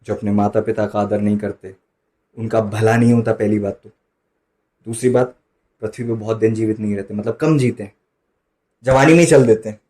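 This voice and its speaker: A man preaching a sermon, switching between loud emphatic bursts and quiet dropped asides, slowing right down for quoted lines. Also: fairly low pitch, steady tone. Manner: mixes in English phrases and slow drawn-out quotes. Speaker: pastor.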